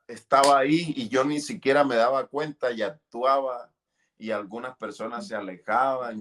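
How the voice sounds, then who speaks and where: A middle-aged man giving an earnest, fervent testimony in an interview. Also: medium pitch. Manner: earnest, fervent, relives moments with cries and shouts. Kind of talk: emotional testimony.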